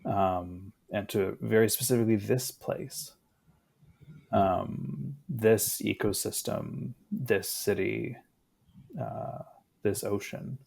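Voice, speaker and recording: A man in his thirties, a guest in a casual conversation, talking in a reflective, unhurried way with fillers. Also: on the low side, vocal fry, a little mellow, breathy edge.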